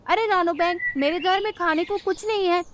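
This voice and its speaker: A woman's voice: very high-pitched, normal speed, a bit bright, a little hiss or hum. A woman voicing a cunning, greedy male crow in a cartoon, wheedling as he begs. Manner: wheedling and grasping.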